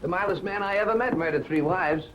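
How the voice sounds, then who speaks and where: An actor playing a sarcastic ex-cop private detective with a Brooklyn accent, in 1940s film acting with a breezy, wisecracking delivery. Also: male voice, high voice, quick pace, lo-fi sound, close to an everyday voice. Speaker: private investigator. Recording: old film soundtrack with faint hiss.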